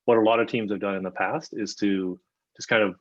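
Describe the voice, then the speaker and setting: A man's voice: fairly low pitch, fairly even intonation, fairly quick. A chatty, playful man mentoring a team on a video call. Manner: chatty, playful, laughs easily. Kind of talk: casual video call chat. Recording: dull lo-fi call audio.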